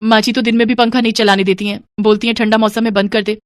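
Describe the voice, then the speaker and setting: A woman voicing a meek young daughter-in-law in a cartoon, pleading in a soft way. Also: on the high side, flat delivery, fast talker, dry recording, studio quality, close to an everyday voice.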